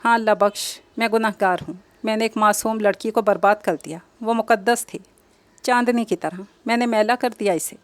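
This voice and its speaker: A woman's voice: fairly high pitch, no room sound, natural voice. A woman voicing a desperate, guilt-ridden young man who talks in anguished pleas. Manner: anguished, pleading.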